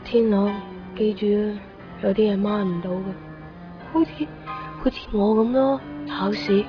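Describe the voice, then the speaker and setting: A woman with a mid-range, natural voice and fairly even, unhurried intonation plays a blunt, wistful, matter-of-fact teenage schoolgirl in a Cantonese radio drama, sighing and speaking with a Hong Kong accent. Her mood is resigned and knowing. Music plays in the background, and the radio recording is dull and lo-fi.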